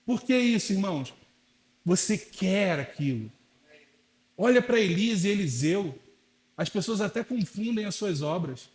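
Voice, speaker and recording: A young man from Brazil preaches a sermon with a high-pitched voice. He talks to the congregation like a friend and briefly plays the people he quotes. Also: expressive, measured pace. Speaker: pastor.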